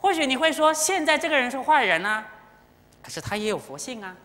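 A Buddhist dharma teacher giving an animated sermon in a temple, telling stories with feeling and often turning to the audience directly. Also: high voice, a little fast. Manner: animated, emotional storytelling with direct appeals. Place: temple lecture hall. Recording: long hall reverb.

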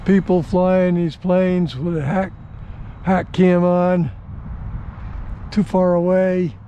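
An older man giving offhand, halting commentary outdoors while flying a model plane on a windy day. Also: sits high, flat delivery, mellow, lo-fi sound. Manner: offhand, halting, self-deprecating. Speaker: RC hobby pilot.

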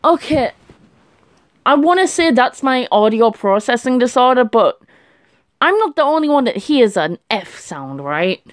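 A woman's voice: fairly high pitch, big pitch swings, a little slow, dry recording, clean studio sound. A woman vlogger chatting casually to herself as she works through a quiz, laughing often. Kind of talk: casual thinking aloud while doing a language quiz.

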